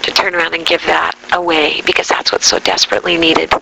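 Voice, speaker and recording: A woman's voice: sits low, little pitch movement, fast talker, creaky, noisy background. An older woman hosting a faith-based interview show, telling her story in an earnest, confessional way. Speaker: talk show host.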